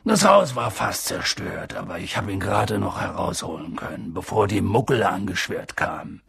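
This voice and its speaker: A man doing Hagrid, a deep gruff giant. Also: expressive, normal speed, a bit bright, dry recording, exaggerated voice. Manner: gruff, deep and rough, breaks into sobs. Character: huge gruff soft-hearted male half-giant. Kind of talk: audiobook character voice.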